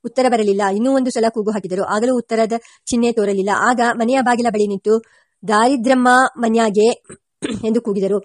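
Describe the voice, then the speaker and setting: A woman reading a memoir aloud as an audiobook, at a steady pace that slows for the verses and quoted speech. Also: on the high side, no room sound, studio quality. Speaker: audiobook reader. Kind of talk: read-aloud memoir narration.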